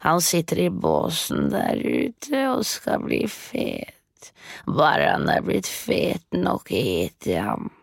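A woman voicing a wicked old female witch who eats children, talking in a sly, menacing, drawn-out way. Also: sits low, huge pitch swings, vocal fry, husky, dry recording, clean studio sound, exaggerated voice. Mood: commanding.

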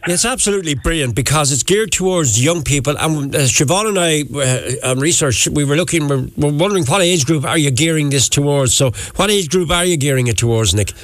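A middle-aged Irishman with an Irish accent hosts a radio interview. His voice sits a little high for a man and sounds close and dry. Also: lively intonation, brisk, hardly any pauses, no room sound. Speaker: radio host.

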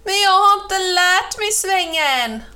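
Kvinna som gör en nyfiken, vänlig ko. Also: female voice, high-pitched, animated, fairly bright tone, voice pushed up. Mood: worried. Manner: eager, naive questioning. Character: curious, friendly cow mother learning to cycle.

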